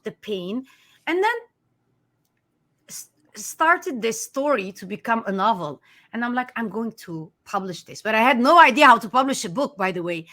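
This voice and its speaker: In a conversational interview, a woman who is an author and life coach, with Armenian as her first language, talks earnestly and emphatically, restarting often. She has a slightly high, somewhat bright voice.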